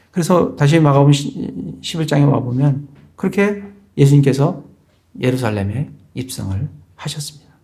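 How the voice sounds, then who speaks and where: A middle-aged male pastor giving a measured, explanatory sermon in a church, reading scripture aloud. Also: medium pitch, dark tone.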